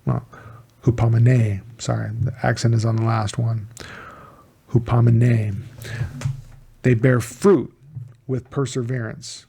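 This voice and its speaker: In an informal Bible teaching, a U.S. man speaks earnestly at a moderate pace, his mid-range voice carrying vocal fry and a breathy edge. He keeps restarting phrases and repeats important words to stress them.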